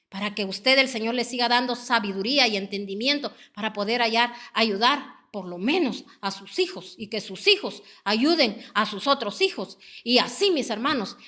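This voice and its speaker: A woman preaches a sermon in an earnest, pleading way. Her voice sits a touch high and sounds bright and clear. She keeps turning to the listeners as her brothers and sisters.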